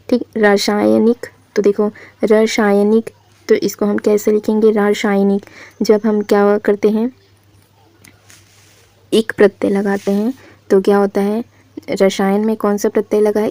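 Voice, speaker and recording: A woman's voice: mid-range voice, dark tone, dry recording. A woman teaching an exam-prep spelling lesson, patiently asking and answering her own questions as she corrects each word.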